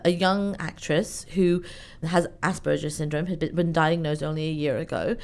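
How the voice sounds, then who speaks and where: A woman from Iran who grew up in the UK, speaking as a guest in an interview in an animated, chatty way with many fillers. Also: deep voice. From Iran, raised in the UK. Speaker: event organizer, guest. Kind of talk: conversational interview.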